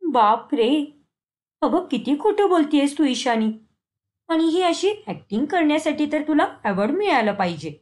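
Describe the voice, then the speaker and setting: A woman plays a young daughter-in-law in an animated family story, in a fairly high, lively voice. She talks in a sharp, accusing way. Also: moderate pace.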